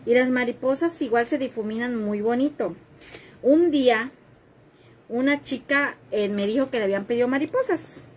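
A woman's voice: a little high, moderate pace, slight background noise. A woman hosting a live craft tutorial, chatting with viewers and joking about herself while she cuts. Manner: chatty and self-deprecating, reads viewer comments while working.

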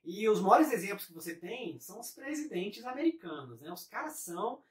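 A man's voice: sits high, big pitch swings, normal speed. A Brazilian man giving a casual online lesson as a business coach, chatty and forever tagging his phrases with a question. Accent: Brazilian Portuguese. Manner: chatty, ends most phrases with a tag question. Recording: roomy sound, mic at a distance.

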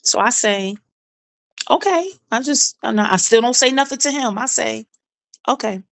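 Woman, middle-aged, animated storyteller, repeats for emphasis, slightly high voice, dry close sound. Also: normal speed, vocal fry, dry recording. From South Carolina, US. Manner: animated, acts out quoted dialogue, repeats phrases for emphasis. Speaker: co-host telling her own story. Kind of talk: casual storytelling chat.

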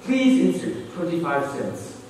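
A man playing an automated pay phone voice, talking in choppy spliced-together recorded prompts whose words jump in pitch. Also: big pitch swings, a little slow, darkish tone. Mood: stubborn. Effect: choppy spliced-together recorded prompts, words jumping in pitch. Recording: echoey hall, voice from far off, faint hiss.

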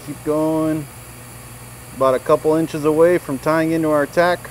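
A man in his thirties giving a relaxed, folksy welding demonstration in a shop, talking the viewer through each step. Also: fairly high pitch, moderate pace, slight background noise. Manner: relaxed, folksy, frequent "you know". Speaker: welding instructor. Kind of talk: casual demonstration tutorial. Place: large welding shop indoors.

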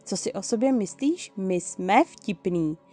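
A woman's voice: a little high, dark tone, faint music behind, natural voice. A woman voicing a cheerful, teasing teenage girl in a read-aloud fan story. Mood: playful.

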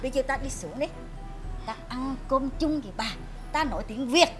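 Một người phụ nữ đóng vai bà cụ già, hay than trời rồi dỗ dành con cháu. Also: female voice, sits high, normal speed, lightly acted. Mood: coaxing. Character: old grandmother, fussing then coaxing. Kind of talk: comedy sketch acting. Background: music.

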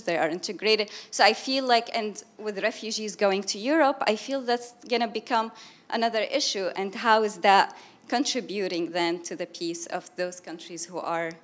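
A young woman from Syria, a graduate student, asking a long, hesitant question from the audience at a panel talk, with many fillers. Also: medium pitch. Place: lecture hall audience.

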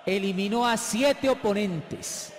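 A Colombian man giving excited football analysis, emphatic and repeating words for effect. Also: high voice, slow pace, slight background noise. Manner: emphatic, repetitive, counting out points. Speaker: football pundit. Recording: reverberant broadcast with music behind.

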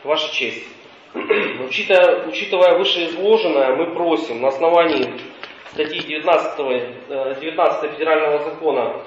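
Man presenting a formal court argument, slightly high voice, taped on a dictaphone from across a roomy courtroom. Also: a little hiss or hum. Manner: formal, measured, with occasional hesitations. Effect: dictaphone recording in a courtroom. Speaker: legal representative in court. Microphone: dictaphone far from the speaker. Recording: echoey, distant, dull dictaphone recording.

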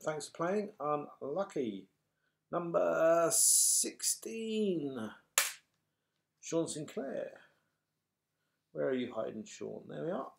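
Calling out raffle balls like a bingo caller, a middle-aged British man announces numbers and names with chatty, matey warmth and apologies to the players. His voice sits a little high and is creaky and a little mellow, with big pitch swings and a slightly slow pace. It's a noisy indoor webcam recording from a small furnished room at home, full of clatter.

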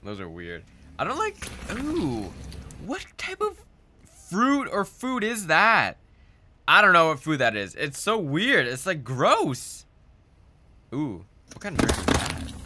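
A man hosting a casual reaction video, excitedly exclaiming and puzzling over each clip. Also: fairly high pitch, takes it slowly, noisy background. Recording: background music under the voice.

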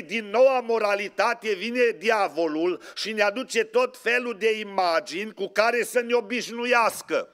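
A man's voice: high-pitched, a bit bright. A man preaching a sermon in a church. He speaks to the congregation in an emphatic, conversational way and often asks them to agree.

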